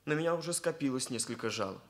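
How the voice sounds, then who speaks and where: Fast and natural, with a mid-range pitch and lively intonation, this young man performs in a Soviet radio play. His character is an earnest hairdresser, aggrieved and given to stilted official-sounding phrasing.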